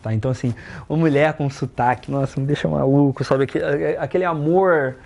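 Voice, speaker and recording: A young man hosting a casual podcast chat about dating, animated, swinging his loudness and pitch, swearing for emphasis. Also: fairly quick, creaky. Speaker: dating coach and host.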